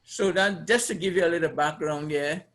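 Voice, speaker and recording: The voice is on the high side and fairly bright, moving at a moderate pace. It belongs to a trainer from Trinidad who teaches a live audience in a conversational, informal seminar, repeating phrases and posing questions, with a Trinidadian accent.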